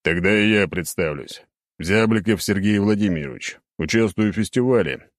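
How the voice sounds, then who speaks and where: A man's voice: on the low side, normal speed, dry recording, clean studio sound, close to an everyday voice. A man voicing a cocky, mocking young hero in an audiobook.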